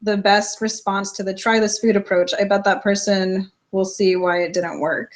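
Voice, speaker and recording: A woman's voice: medium pitch, little pitch movement, moderate pace. A young woman hosting a casual live stream, reading viewer questions and answering in a plain-spoken way, often laughing.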